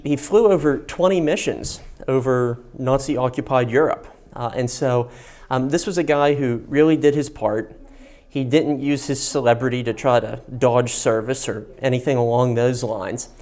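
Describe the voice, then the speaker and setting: A man with a mid-range voice presents a guided history tour on location. He explains things informally, in measured phrases, and stresses key words as he goes. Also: medium pitch, a little mellow. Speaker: host of a history and film channel, guiding a museum tour. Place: inside a museum gallery.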